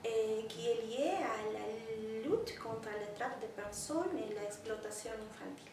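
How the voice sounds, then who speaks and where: A woman's voice: a little high, a little slow. Peruvian woman, volunteer lawyer, hesitant and careful; distant mic, big echo. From Peru. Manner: searching for words, hesitant. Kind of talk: interview answers. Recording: echoey room, far from mic, noisy.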